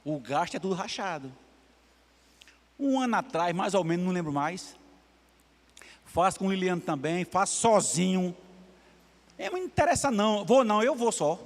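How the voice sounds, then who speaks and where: A man, a pastor preaching a sermon and telling a story, acting out the dialogue. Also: high voice. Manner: animated, acts out dialogue in his stories. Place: church sanctuary. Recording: long church-hall reverb.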